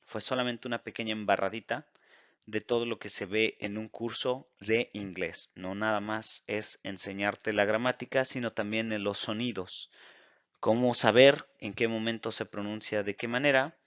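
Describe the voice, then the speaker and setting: A man gives a video lesson on English sounds, explaining in Spanish and slowing down to model English examples. His voice is bright and smooth. The recording is dry and a little dull. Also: on the low side, steady tone, dry recording. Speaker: English teacher.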